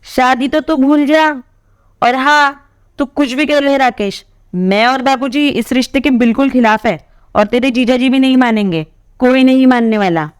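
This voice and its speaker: A woman voicing an angry older sister who scolds sharply and rises to loud outbursts, with a smooth, clear voice. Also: fairly high pitch, animated, normal speed, dry recording, studio quality, close to an everyday voice. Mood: angry scolding.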